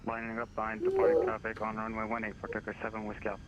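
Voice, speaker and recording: Male pilot, cockpit headset radio, fast flat delivery, noisy lo-fi line. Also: fairly low pitch. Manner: rapid clipped radio phraseology. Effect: cockpit headset radio transmission. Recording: dull lo-fi radio with noise.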